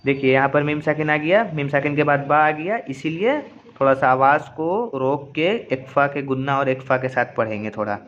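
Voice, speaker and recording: A man's voice: on the high side, normal speed, fairly bright tone, highs cut off, a little hiss or hum. A man teaching Quran recitation rules, explaining patiently and repeating each point. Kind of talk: explanatory lesson with slow recited examples.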